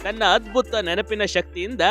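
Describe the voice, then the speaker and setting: A man's voice: high voice, moderate pace, bright, forceful tone. A man reading a scripted news voice-over with emphatic, dramatic delivery and folksy asides to the viewer. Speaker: news narrator. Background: faint music.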